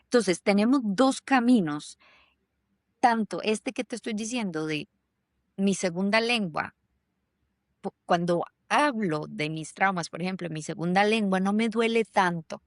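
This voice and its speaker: A woman with a medium-pitched voice, speaking a little slowly, hosts a conversational podcast from her home in Germany. The sound is clean studio audio with no room sound, and her reflective delivery is dotted with fillers and restarts.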